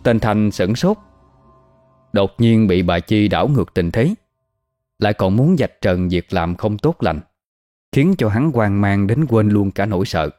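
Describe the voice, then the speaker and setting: Man, horror story narration, low voice, faint music. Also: lively intonation, measured pace, dark tone, no room sound.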